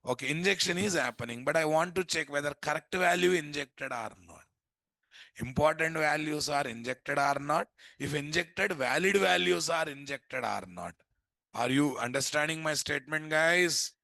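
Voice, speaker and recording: Speaking at a moderate pace with a fairly high, sharp voice and vocal fry, a man with an Indian accent teaches programming to students. He repeats prompting questions and frequently supplies the answers himself, with no echo in the audio.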